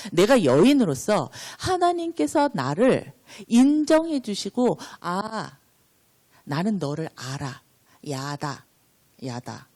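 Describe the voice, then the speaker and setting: A woman delivers a sermon in a conversational way, putting questions to her listeners and answering them herself. Her voice sits on the low side for a woman but moves through a wide, animated range of pitch. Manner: asks the congregation questions, then answers them. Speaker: preacher. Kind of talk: interactive sermon.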